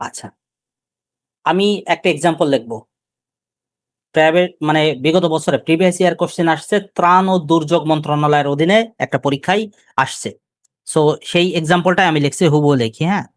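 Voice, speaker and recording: His pitch is fairly high and his tone steady as he delivers a live grammar lecture in a studio-quality recording without echo. The teacher, who has a Bangladeshi Bengali accent, constantly quizzes his class and slowly repeats key words.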